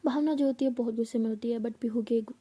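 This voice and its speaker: A woman storyteller narrates a romance softly, often half-whispering. Her voice is high and very dark in tone, with a husky grain. The delivery is gentle and steady. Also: fast talker.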